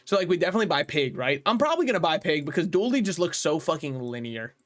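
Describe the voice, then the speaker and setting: Here a fairly high-pitched, very animated man races through casual talk about his moves as he streams a card game. He's chatty, swears from time to time, and laughs at himself, while faint music plays underneath.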